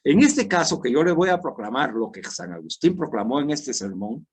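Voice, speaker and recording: A man leading his parish group through a scripture meditation, talking dramatically and moving between soft and loud, acting out the crowd's words. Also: mid-range voice, very animated, normal speed, breathy edge.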